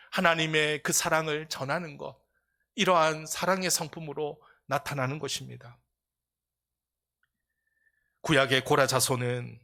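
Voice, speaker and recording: A male pastor delivering a Sunday sermon, moving from calm teaching into loud, impassioned preaching. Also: mid-range voice. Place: church sanctuary.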